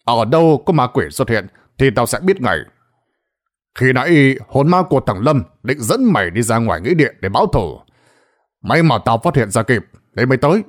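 A man voicing a stern, gruff older village sorcerer in a spoken ghost story. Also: mid-range voice, very animated, moderate pace. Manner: gruff, scolding, commanding.

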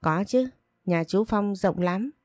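A woman playing a gentle middle-aged father. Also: mid-range voice, slow, no echo, natural voice.

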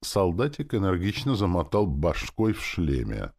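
A man's voice: low voice, wildly swooping pitch, normal speed, vocal fry, darkish tone. A man narrating a fantasy audiobook in the first person, reading expressively.

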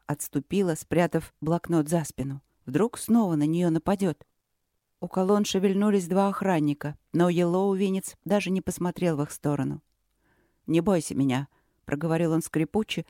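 An audiobook narrator reading a story in an even, measured way. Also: medium pitch, no room sound, studio quality.

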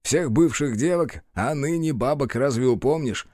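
A man's voice: mid-range voice, normal speed, a little mellow, no room sound, clean studio sound, close to an everyday voice. A man playing a crude, bossy guardian who talks in a sarcastic, coarse way. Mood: gruff. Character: crude sardonic male guardian, bossy and mocking.

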